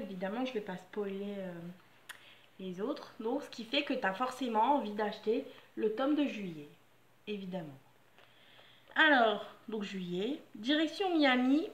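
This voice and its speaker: Chatty woman, echoey room. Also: on the high side. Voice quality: chatty, frank and joking, reads blurbs then comments. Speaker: book vlogger. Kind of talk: casual book review chat.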